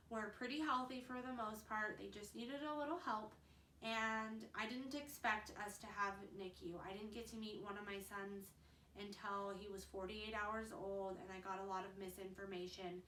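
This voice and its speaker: A young woman, a mother of twins, talking fast and earnestly to camera in a casual advice vlog. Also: medium pitch, fairly even intonation, bright, forceful tone, slight background noise. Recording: roomy, slightly distant mic.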